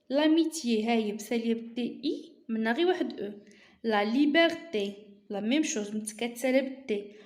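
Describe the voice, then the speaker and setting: Woman, Moroccan accent, teacher, repeats key terms, higher pitch, echoey room. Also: a little mellow. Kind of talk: explaining a lesson.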